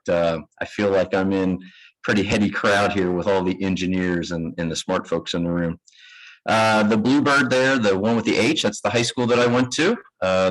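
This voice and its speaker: A man from Kentucky with a Kentucky accent giving a presentation to an audience, relaxed and self-deprecating. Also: low voice, rough recording. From Kentucky, United States. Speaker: guest presenter. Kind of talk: conference presentation. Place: lecture room with live audience.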